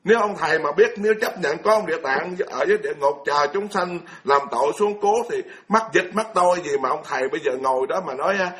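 A man's voice: on the high side, fast talker, hardly any pauses, fairly bright tone. A man, giving a blunt, colloquial Buddhist sermon full of scolding rhetorical questions. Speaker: Buddhist monk lecturer.

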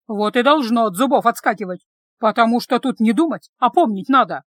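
A woman's voice: a little high, lively intonation, a little fast, dry recording. A woman voicing a stern older witch aunt who lectures her niece dryly. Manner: lecturing, dry.

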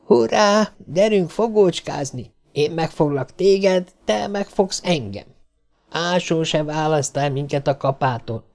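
A man's voice: fairly high pitch, lively intonation, creaky, a little mellow, soft background music, pitched above the performer's own voice. Man doing a giddy drunk robot. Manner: singsong, giddy, exclaiming. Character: giddy drunken male robot, playful and erratic.

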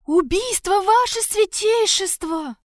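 Breathless palace guard in a panic, read by a woman, loud and high, dry booth sound. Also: unhurried, no room sound. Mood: alarmed. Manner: shouting.

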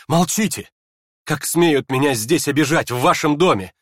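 A man reading aloud and voicing a proud young woman, furious and scornful, in shrill indignant outbursts. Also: animated, moderate pace, no echo, clean studio sound. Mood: hysterical.

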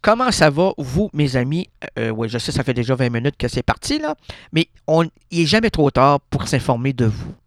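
A man's voice: medium pitch, very animated, normal speed, dry recording, studio quality. A man with a Québécois accent hosting a radio show, rambling freely with playful wordplay and constant self-corrections. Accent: Québécois French. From Quebec. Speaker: radio host. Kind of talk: freewheeling absurdist radio monologue. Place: radio studio.

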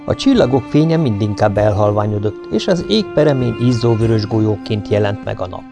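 A man reading an adventure novel aloud as an audiobook narrator, at a steady, measured pace. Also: lowish voice, over music.

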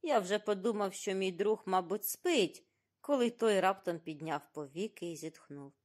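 A woman narrates a detective audiobook with an expressive, animated delivery. Her voice sits at a middle pitch, and her intonation rises and falls in lively swings. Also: moderate pace.

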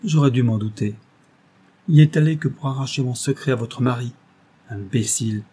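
The desperate, imperious noblewoman of an audiobook, as a male reader puts her on, sharp and scornful in every phrase. Her voice is mellow and low-toned, with a husky edge. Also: normal speed, natural voice. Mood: angry. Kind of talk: audiobook reading.

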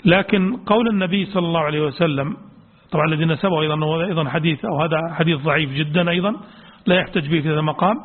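A man's voice: a little high, very fast. A man giving a religious studies lecture on Quran exegesis, explaining a text, repeating key points and reading quotes aloud. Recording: tinny lo-fi lecture recording with long hall reverb.

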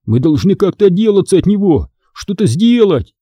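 A man voicing a determined, excitable young boy who shouts his plans in a storybook reading. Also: high voice, normal speed, breathy edge, no room sound, studio quality, pitched above the performer's own voice, full character voice. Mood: alarmed. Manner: shouting, eager.

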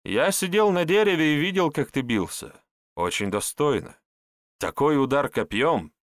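A man voicing a nervous, evasive male herbalist who is secretly a disguised priest, speaking in hurried, flustered replies. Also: mid-range voice, big pitch swings, a bit bright, no room sound, studio quality, voice pushed up. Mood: eager.

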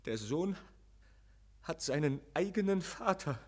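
An actor playing a passionate young robber captain in a classic radio play, speaking with slow, emphatic declamation. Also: male voice, fairly high pitch, expressive, a little mellow. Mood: anguished.

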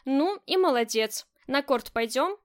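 A cool, commanding lady crime boss with a high, light voice, clipped and self-assured, speaking as an audiobook character voiced by the woman narrating. She never raises her voice and sounds used to being obeyed. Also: expressive, measured pace. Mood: casual. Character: cold commanding female crime boss, middle-aged.

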